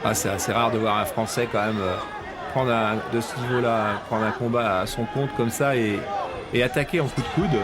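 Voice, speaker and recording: Male fight commentator over loud crowd noise. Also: lowish voice, fairly even intonation, moderate pace. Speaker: combat sports commentator. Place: ringside in a packed arena.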